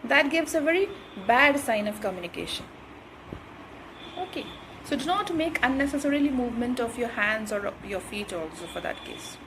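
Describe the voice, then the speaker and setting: A woman teaches communication skills in a high, clear register. She hammers home each point and keeps checking in with her listeners. A faint hum of ambience sits behind her voice. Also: expressive, normal speed. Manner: didactic, repeats points with "right?" and "okay". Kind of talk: instructional talk to camera.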